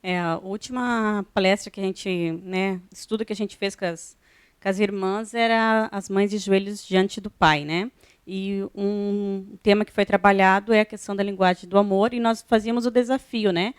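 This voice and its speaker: Clear-voiced Brazilian woman, dry close sound. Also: mid-range voice, steady tone, normal speed, no echo. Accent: Brazilian Portuguese. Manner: conversational, frequent "né" tags. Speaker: guest, pastor's wife. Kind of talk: church TV interview.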